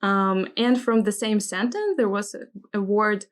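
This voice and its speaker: In an unhurried, mid-range voice, a woman who isn't a native English speaker runs a vocabulary segment, reading example phrases with care and inquisitively checking what each one means.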